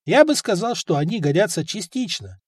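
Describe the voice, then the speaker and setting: A man's voice: sits high, animated, a little fast, breathy edge, no room sound, clean studio sound. A man voicing a short, stout male scholar who explains things carefully and deferentially. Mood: explaining.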